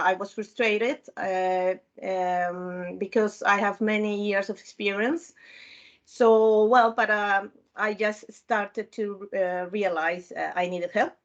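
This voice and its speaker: A woman from Peru talks on a panel over a video call, and her audio comes through dull and muffled. She speaks haltingly, with many fillers and restarts, at a mid pitch. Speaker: panel guest, former mentee. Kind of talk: casual panel talk.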